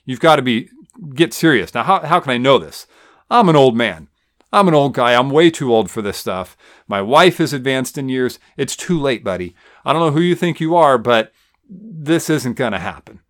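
A man's voice: medium pitch, sing-song, normal speed, a bit bright. A man voicing a doubting old male priest who answers with mocking disbelief. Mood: sarcastic. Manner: mocking, incredulous.

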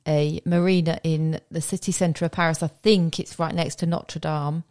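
A woman's voice: low-pitched, steady tone, normal speed, a little mellow. A woman, co-hosting a podcast in a chatty, practical way. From Oxfordshire, England. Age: 50s. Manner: chatty, practical, finishes his sentences. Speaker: podcast co-host. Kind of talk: casual chat.

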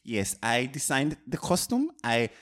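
A man putting on a pompous, self-important movie director with a phony French air, who stumbles and repeats himself while boasting deadpan. His voice sits at an everyday middle pitch. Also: a little slow. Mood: deadpan boastful. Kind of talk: improvised comedy role-play.

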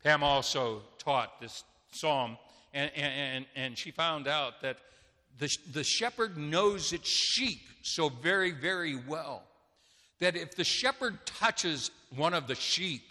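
A man's voice: on the high side, bright, forceful tone. An older man preaching a sermon as pastor, talking conversationally with homely stories. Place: church sanctuary. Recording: long church reverb.

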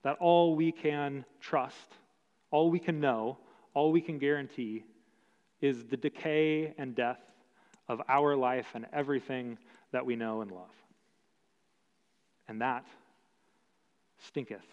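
A man preaching a sermon as pastor, slow and emphatic with long pauses. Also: medium pitch, fairly even intonation. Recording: dull sound with long hall reverb.

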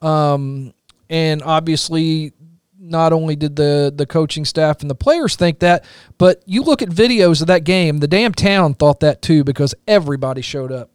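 A man's voice: on the high side, normal speed, smooth, no room sound, clean studio sound. A man co-hosting a casual sports chat, talking informally and emphatically as a fan. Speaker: podcast co-host.

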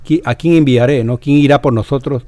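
A man's voice: mid-range voice, fairly quick, dark tone, no room sound. A man in a religious discussion, thoughtful and hesitant, who keeps checking in with his listeners. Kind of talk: casual devotional discussion.

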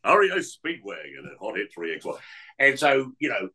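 A man's voice: lowish voice, huge pitch swings, moderate pace, sharp tone, low-quality recording. A man in his fifties with an Australian accent, a radio announcer telling stories in a casual interview. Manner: chatty storyteller, slips into impressions, frequent restarts.

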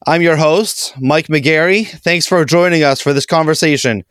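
A man's voice: on the high side, moderate pace, a bit bright, clear, resonant tone, no room sound, studio quality. A man with a Boston accent hosting a podcast interview in a chatty, self-deprecating way over a video call. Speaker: podcast host. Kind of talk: casual interview.

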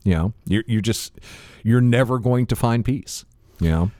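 An American man chatting casually as a podcast co-host, halting and repeating words, with a slight lisp and slightly slurred speech. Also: medium pitch, a little mellow, dry recording, studio quality. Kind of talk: casual chat.

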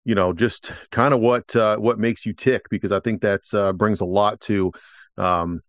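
Low-voiced, joking podcast host man. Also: steady tone, moderate pace, no echo, clean studio sound. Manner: upbeat, joking, many "uh" fillers. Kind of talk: casual podcast interview.

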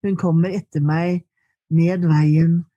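A woman reading her poetry aloud in slow, measured lines, then answering questions in conversation. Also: fairly low pitch, steady tone, warm tone, lo-fi sound. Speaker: poet and guest.

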